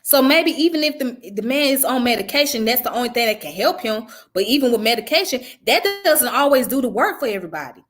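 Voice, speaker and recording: Speaking fast and barely pausing, this woman has a rather high, expressive voice. She grew up in the American South and runs her own channel, where she delivers casual vlog commentary that's blunt, conversational, and full of profanity.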